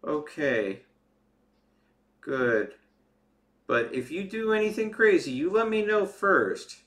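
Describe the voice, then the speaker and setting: A man playing his character in a tabletop game, fatherly and concerned, speaking in halting phrases. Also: fairly high pitch, big pitch swings, fairly bright tone. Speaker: player. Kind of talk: in-character tabletop role-play.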